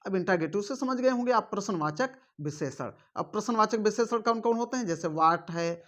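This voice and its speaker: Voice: mid-range voice, animated, fairly quick, a bit bright. A teacher giving an online grammar class, mixing in English grammar terms and checking in often with rhetorical questions. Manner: quizzes with rhetorical questions, frequent "theek hai" check-ins.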